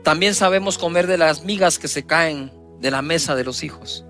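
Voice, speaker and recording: A male pastor preaching a sermon, reading scripture aloud and retelling it with dramatic swings in emphasis and loudness. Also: a little high, normal speed, faint music behind.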